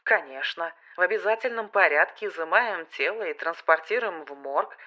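A woman voicing a gruff, dismissive male police major who speaks coldly and curtly. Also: fairly low pitch, expressive, normal speed, pushed and bright, muffled recording. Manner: curt, cold, dismissive.

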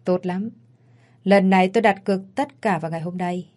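A woman's voice: on the low side, fairly quick, darkish tone, natural voice. A woman voicing a jealous, scheming young wife speaking with bitterness. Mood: bitter.

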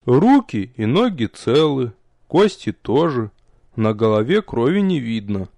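A man voicing a nervous, sullen teenage apprentice boy in an audiobook, speaking gruffly and hesitantly. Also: medium pitch, sing-song, unhurried, mellow, dry recording, studio quality. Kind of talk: audiobook character voice.

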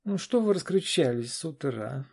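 A man voicing a sharp-tongued, defiant middle-aged wife in an audiobook, speaking in a sneering, biting way. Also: fairly high pitch, lively intonation, moderate pace, creaky, slightly rough, voice pushed up, heavily acted. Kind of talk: audiobook reading.

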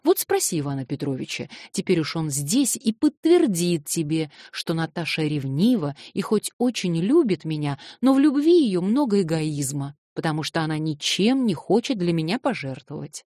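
A woman voicing an excitable, naive young man who protests plaintively, reading an audiobook. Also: sits low, moderate pace, hardly any pauses, dry recording, studio quality. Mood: earnest.

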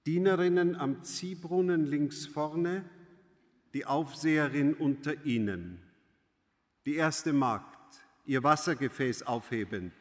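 Male audiobook reader, slow and expressive, long reverberant hall sound. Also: on the high side. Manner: measured, expressive, varied intonation. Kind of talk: slow dramatic reading of a stage play.

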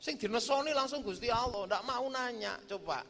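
Preacher guy joking through his sermon, bright high voice, long hall echo. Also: moderate pace, creaky. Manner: joking, storytelling, mixes in sung verses.

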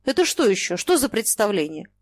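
A woman's voice: mid-range voice, very animated, a little fast. A woman voicing an impatient young daughter. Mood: agitated.

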